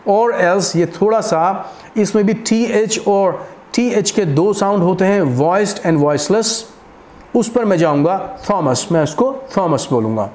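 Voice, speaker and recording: Indian man, english pronunciation coach, high voice, slow drilling delivery. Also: expressive, darkish tone. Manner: slow and deliberate, repeating words for drill. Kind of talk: accent-training lesson.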